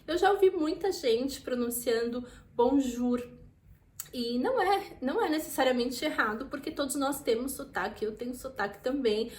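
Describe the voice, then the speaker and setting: A young woman with a São Paulo Brazilian Portuguese accent, vlogging a casual lesson and slowing down to model each word. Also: sits high, darkish tone. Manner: chatty, slows down to model words. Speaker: vlogger teaching French pronunciation. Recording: echoey room.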